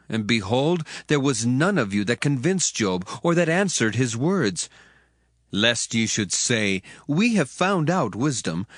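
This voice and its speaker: Elihu, earnest young man with animated oratory. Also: medium pitch, no echo, studio quality. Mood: earnest, indignant. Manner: oratorical, emphatic, archaic formal phrasing. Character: earnest young man Elihu, indignant biblical speaker rebuking his elders. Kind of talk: dramatized scripture reading, declamatory.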